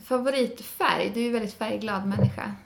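A woman's voice: medium pitch, gravelly. A woman interviewing a guest in a casual conversation, asking short, friendly questions.

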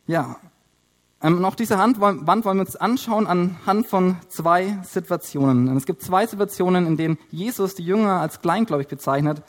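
A man's voice: high-pitched, moderate pace. A man giving a Bible teaching, explaining step by step with frequent hesitations while he draws. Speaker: preacher.

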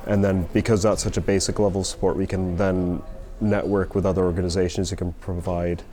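Low, mellow man, fairly even. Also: fairly quick, a little hiss or hum. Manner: hesitant, thoughtful. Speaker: community support project worker. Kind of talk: informal interview answers.

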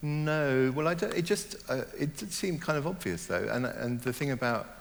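A man's voice: medium pitch, expressive, normal speed, vocal fry, big-room sound. A middle-aged man, a novelist born in Germany and raised in Hong Kong, talks through his ideas in an interview, thoughtful and hesitant, with many fillers and restarts. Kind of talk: reflective interview conversation.

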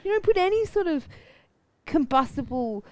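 A woman's voice: very high voice, sing-song, normal speed, no room sound. A woman co-hosting a podcast in casual chat, jokey and giggly, often talking over her co-host.

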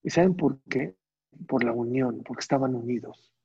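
A man's voice: medium pitch, moderate pace, darkish tone, breathy edge. A man giving a religious lecture, asking his audience rhetorical questions and repeating phrases for emphasis. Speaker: Torah teacher. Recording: dull, slightly muffled recording.

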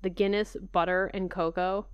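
A woman with a smooth, clear voice, recorded close and dry. She chats casually as a podcast co-host, with an animated, conversational manner. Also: mid-range voice, normal speed, no echo, lo-fi sound. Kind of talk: casual chat.

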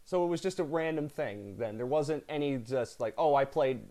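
A man's voice: on the high side, animated, moderate pace, a crowd in the background. A man with a North American accent, interviewing as a podcast host in a chatty, effusive way.

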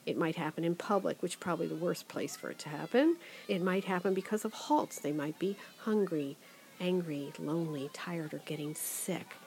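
A middle-aged woman, a school's director of education, calmly explaining parenting ideas on a podcast and stretching out key words for emphasis. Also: fairly low pitch, brisk, vocal fry, a little hiss or hum.

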